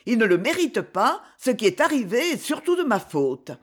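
A woman voicing a kind young noblewoman who speaks softly but firmly. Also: on the high side, big pitch swings, normal speed, voice pushed up. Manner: soft, reassuring, resolute.

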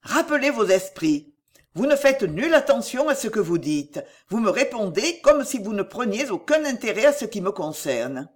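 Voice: mid-range voice, big pitch swings, moderate pace, natural voice. A reader voicing an ardent young man, earnest and imploring, in an audiobook of a classic novel.

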